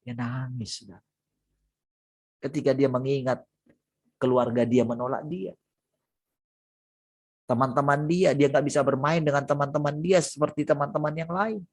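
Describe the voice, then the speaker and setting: A pastor preaches a sermon over a video call. The delivery is lively and storytelling, and the speaker keeps turning to the listeners with a direct address. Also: medium pitch, moderate pace, pauses often.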